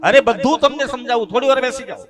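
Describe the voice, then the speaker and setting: A man's voice: very high voice, animated, quick pace, background noise, voice pushed up. A man voicing a frail, humble old village father who talks in a simple, pleading way.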